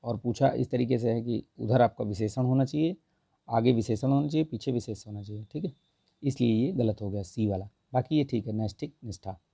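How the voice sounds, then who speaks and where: Hoarse man teaching Hindi grammar. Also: medium pitch, dark tone, no room sound, studio quality. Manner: repeats "theek hai" constantly, corrects answers with mild humor. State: hoarse, sore throat. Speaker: exam prep teacher. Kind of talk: Hindi grammar lesson, going through a test.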